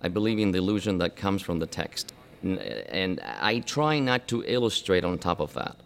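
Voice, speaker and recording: A man's voice: low voice, lively intonation, moderate pace, gravelly. A scenic designer from Argentina speaking in a documentary interview, reflective and searching for his words.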